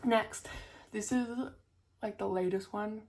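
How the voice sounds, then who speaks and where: A woman's voice: mid-range voice, fairly even intonation, slow, a little mellow. A young woman chatting casually to camera as a vlogger, full of fillers and casual swearing, her speech a little thick from a new tongue piercing.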